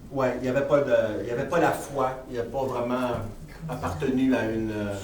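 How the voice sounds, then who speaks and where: Male live interpreter, Québécois accent, mid-pitched, informal and self-correcting, recorded far off in a roomy space. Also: fairly even intonation, brisk, a little mellow. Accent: Québécois French. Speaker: chaplain interpreting for a speaker. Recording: distant mic in echoey room, faint noise.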